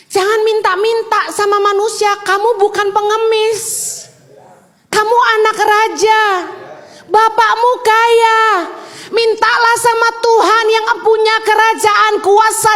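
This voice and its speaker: High-voiced woman preaching emphatically. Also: fairly bright tone. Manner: emphatic, mixes in English phrases. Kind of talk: sermon.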